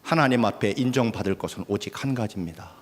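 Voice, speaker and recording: A male pastor preaching a sermon, swinging between loud exhortation and hushed, quiet passages. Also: on the low side, fast talker. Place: church sanctuary. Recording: long hall reverb.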